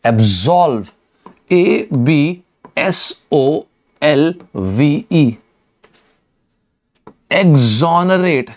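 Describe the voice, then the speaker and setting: Brief: young male online tutor, Indian English accent, upbeat and repetitive, slightly high voice. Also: drawn-out words, long pauses. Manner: energetic, repeats words, asks viewers to type answers. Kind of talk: live online vocabulary lesson.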